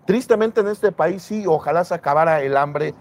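A man's voice: a little high, normal speed. A Mexican man on a sports panel, arguing insistently, cutting in with repeated no's and demands to be heard. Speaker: sports pundit called doctor. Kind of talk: heated panel debate.

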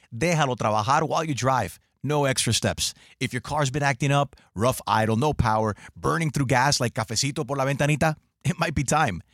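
A man's voice: mid-range voice, a bit bright, dry recording, studio quality, lightly acted. A man reading a radio ad, switching playfully between English and Spanish slang. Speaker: ad announcer. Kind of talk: bilingual radio ad read.

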